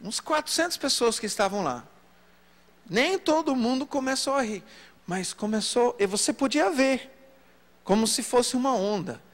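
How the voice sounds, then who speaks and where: A man preacher telling a story from the pulpit in an animated sermon. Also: moderate pace. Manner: storytelling, animated pitch swings. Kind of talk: sermon testimony. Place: church hall. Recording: long hall reverb.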